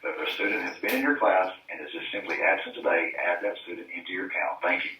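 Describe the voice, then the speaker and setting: A man making a formal announcement to teachers and students over a school intercom loudspeaker, repeating his instructions. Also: low-pitched, fast talker, heavy background noise. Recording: distant muffled loudspeaker in an echoey classroom.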